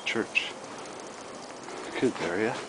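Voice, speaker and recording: A man filming himself outdoors while exploring an abandoned site, giving a hushed, nervous running commentary and short of breath. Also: very slow. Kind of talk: handheld exploring vlog. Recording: loud wind noise outdoors.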